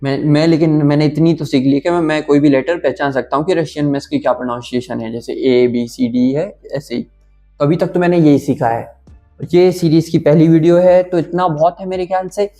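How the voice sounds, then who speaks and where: A young man with an Uttar Pradesh accent, casually vlogging about learning a language and slowly sounding out new words. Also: fairly high pitch, soft background music. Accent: Uttar Pradesh Hindi. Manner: relaxed, thinking aloud with fillers, slowly sounding out words. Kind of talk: casual talk to camera.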